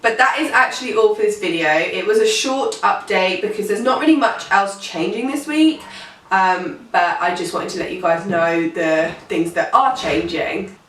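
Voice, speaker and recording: A woman's voice: medium pitch, normal speed, fairly bright tone. A pregnant young woman, chatting casually to camera in a rambling way, with many fillers. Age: teens. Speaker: vlogger. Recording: echoey room, mic far off.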